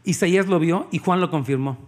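High-voiced Mexican preacher, lively and conversational. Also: male voice, fairly quick. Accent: Mexican Spanish. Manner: lively, conversational, addresses the congregation. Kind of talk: sermon.

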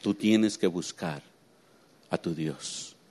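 A man preaching a sermon, swinging between quiet low asides and high excited emphasis and often asking his listeners questions. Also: slow. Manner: asks the congregation rhetorical questions.

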